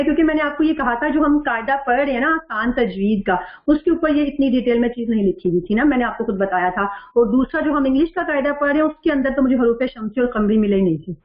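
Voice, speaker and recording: This Quran recitation teacher's voice sits on the high side as she patiently reviews the previous lesson online, asking questions and reading students' responses aloud. The class is echoey and the audio is dull.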